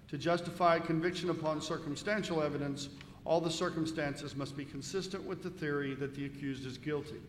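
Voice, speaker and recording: A man speaking as presiding judge, giving formal scripted instructions to a jury. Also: on the high side. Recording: echoey reverberant hall with faint noise.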